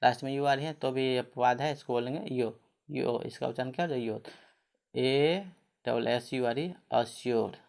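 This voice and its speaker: A man's voice: mid-range voice, normal speed, vocal fry, darkish tone. A man teaching English spelling and pronunciation rules, asking questions and answering them himself while spelling words out letter by letter.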